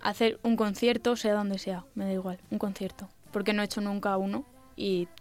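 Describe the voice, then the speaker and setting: A young woman, a singer who is a radio guest, answering in a soft-spoken, hesitant way. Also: mid-range voice, flat delivery, normal speed, soft background music. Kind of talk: radio interview.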